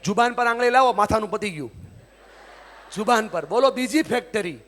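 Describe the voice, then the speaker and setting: A man delivers a live motivational talk. His fairly high voice presses the crowd to answer and repeat his lines aloud. His voice rings with the long reverb of a large hall. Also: expressive, brisk, a bit bright. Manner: call-and-response, repeatedly asks the crowd yes or no; commanding, has the audience repeat lines aloud. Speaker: motivational speaker.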